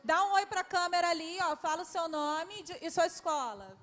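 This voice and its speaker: A woman's voice: very high voice, moderate pace, fairly bright tone. A Brazilian woman, a historian, running an affectionate quiz for schoolchildren in a large hall and coaxing them with endearments. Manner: affectionate, coaxing, calls children "my love". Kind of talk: lively quiz with children at a public event. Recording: reverberant hall, faint background noise.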